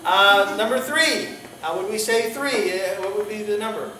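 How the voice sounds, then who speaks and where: A man, a pastor, teaching an informal Greek class, talking in a halting way with many fillers and restarts and joking with his students. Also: sits high, sharp tone. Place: church classroom. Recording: roomy, distant classroom recording with faint hiss.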